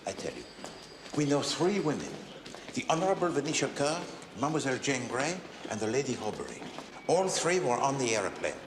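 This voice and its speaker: An actor playing a fastidious, courteous middle-aged detective who speaks in precise, formal, mannered phrases. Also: male voice, medium pitch, sing-song, background noise, natural voice. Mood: deductive, wry. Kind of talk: television period drama. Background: background music.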